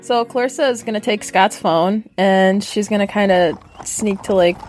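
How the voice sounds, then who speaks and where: A woman's voice: mid-range voice, normal speed, darkish tone, soft background music. A woman chatting casually and narrating her character's moves as a player in a tabletop game.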